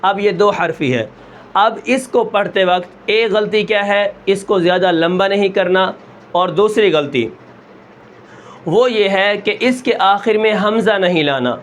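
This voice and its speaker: A man teaching Quran recitation step by step, asking questions and answering them himself, and stretching sounds slowly to show them. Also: high voice. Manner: asks the class a question, then answers it himself; draws out sounds long and slow to show them.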